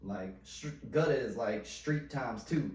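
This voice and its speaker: Speaking a little slowly, this podcast host has a darkish mid-range voice and a rambling, casual style packed with slang and fillers, often dropping a thought and restarting. It's recorded from a distance in a roomy space, with faint noise.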